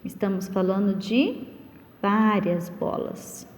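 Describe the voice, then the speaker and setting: A woman's voice: medium pitch, a little hiss or hum. A woman teacher giving a recorded lesson to young pupils, patiently asking questions and answering them herself. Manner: slow, patient, questions and answers her own questions. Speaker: primary school teacher. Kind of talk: recorded online class lesson. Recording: long reverb.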